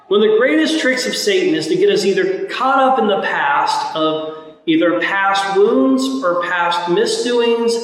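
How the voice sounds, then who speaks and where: Priest guy preaching, cathedral echo all over, long hall ring, earnest and repeats himself. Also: high-pitched. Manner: earnest and reflective, circles back to repeat key phrases. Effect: cathedral echo, voice ringing through a large church. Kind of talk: gospel reading and homily. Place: large church. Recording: echoey church hall from far off.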